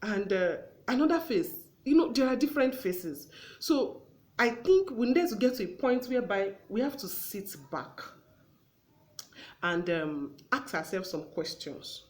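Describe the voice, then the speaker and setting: A woman's voice: mid-range voice, expressive, measured pace, a little mellow. A woman hosting a conversational talk show. She gives earnest advice and acts out everyday exchanges as she goes.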